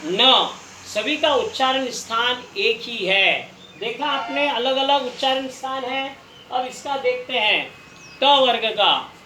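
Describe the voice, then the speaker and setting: A man's voice: extremely high pitch, bright, forceful tone. A man teaching a recorded language lesson, patiently repeating each sound for listeners to try. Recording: echoey room, faint background noise.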